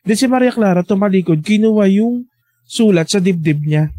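A man's voice: high voice, lively intonation, normal speed, dark tone, no room sound. A man, telling school stories in a casual chat and animatedly voicing the people he quotes.

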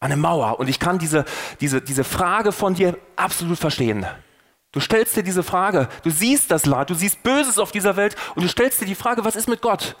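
A man with a fairly high voice preaches on a faith podcast. He talks straight to the listener and keeps asking rhetorical questions. His delivery is earnest and persuasive, and it rises and falls for emphasis. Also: animated, normal speed, a bit bright. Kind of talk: sermon-style podcast talk.

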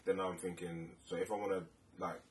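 A man's voice: deep voice, level tone, brisk. A man in his late twenties with a London accent, chatting casually and slangily as a podcast co-host in a rambling way. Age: late 20s. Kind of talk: casual chat. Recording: roomy, distant mic, faint noise.

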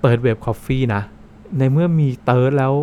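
A man's voice: mid-range voice, steady tone, takes it slowly, a little mellow, slight background noise. A man co-hosting a casual podcast, talking in a chatty, easygoing way and laughing often. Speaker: podcast co-host explaining coffee.

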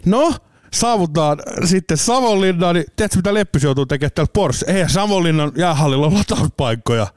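Tell it as a man hosting a casual talk show, animated and full of impressions, with a slightly sore throat. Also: on the high side, clean studio sound. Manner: animated, mimics voices and echoes in his stories. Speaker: podcast host. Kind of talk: casual chat, storytelling. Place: studio.

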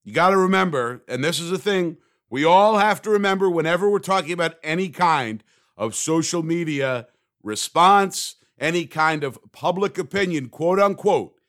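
Sarcastic man with a slightly high voice. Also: expressive, normal speed, a bit bright. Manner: sarcastic, rambling, self-mocking. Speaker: podcast host. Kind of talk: comedic solo podcast monologue.

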